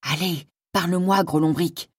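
A woman doing a brisk, no-nonsense woman in charge. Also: fairly low pitch, slightly rough, no echo, clean studio sound. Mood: firm.

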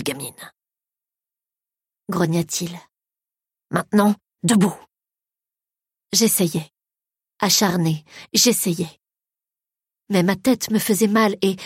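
Slow, husky woman reading a story. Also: medium pitch, a little mellow, dry recording, clean studio sound. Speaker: audiobook narrator. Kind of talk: scripted first-person story narration.

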